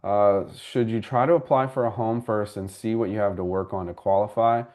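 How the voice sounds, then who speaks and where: A man with a fairly low, darkish voice speaks a little quickly and keeps his intonation mostly even. He's a mortgage broker running a live homebuyer class, explaining things conversationally and answering audience questions, calling viewers by name.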